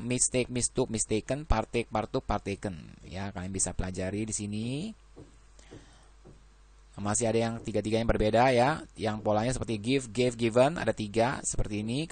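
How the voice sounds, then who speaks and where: A man's voice: fairly low pitch, no echo. A man teaching an English grammar lesson, working through verb lists and adding "ya" after nearly every phrase.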